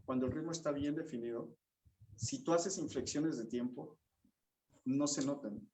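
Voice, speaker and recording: A man teaching a bassoon masterclass, patiently explaining and singing rhythms and note names to show the phrasing. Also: normal speed, mellow, a little hiss or hum. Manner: patient, encouraging. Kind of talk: masterclass instruction.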